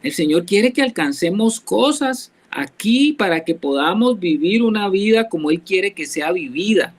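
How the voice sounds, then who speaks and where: A Colombian man with a notably high voice leads a church Bible study. He explains each verse patiently and keeps putting questions to his listeners. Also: expressive, moderate pace, poor audio. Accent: Colombian Spanish. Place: church, class also joined online.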